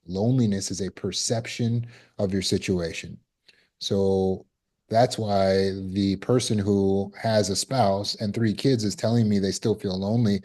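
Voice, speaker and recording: Mellow, lower-voiced man coaching. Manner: conversational, acts out scenes and quotes. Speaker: trauma recovery coach. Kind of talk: self-help talk.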